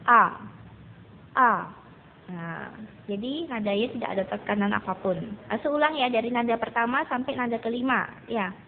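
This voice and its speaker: A woman teaching a beginner Mandarin lesson to students, patiently explaining and repeating drills slowly. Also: on the high side. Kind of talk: recorded classroom lesson. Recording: tinny phone-like recording with faint noise.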